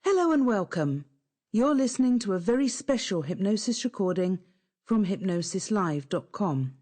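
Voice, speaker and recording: A woman narrating a scripted guided hypnosis session in a calm, soothing, instructive way. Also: mid-range voice, moderate pace.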